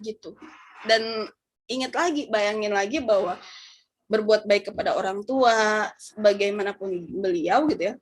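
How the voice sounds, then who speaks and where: A woman's voice: medium pitch, a little slow, long pauses. A young woman giving an emotional, conversational religious talk, addressing her listeners directly and at times getting choked up. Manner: emotional, gets choked up and apologizes. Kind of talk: heartfelt casual talk.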